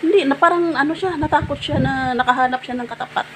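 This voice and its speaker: A woman's voice: high-pitched, fast. A woman vlogger casually telling a personal story to her viewers, chatty and full of fillers. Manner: chatty, addresses viewers as guys, many fillers like ano. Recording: noisy background.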